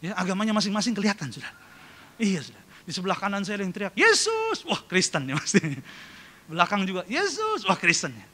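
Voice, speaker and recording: A man preaching a sermon to his congregation, telling funny anecdotes in a lively, jokey way and often addressing them directly. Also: high-pitched, fast. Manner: jokey storytelling, calls congregation "saudara". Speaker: pastor. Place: large church hall. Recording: long reverb of a church hall.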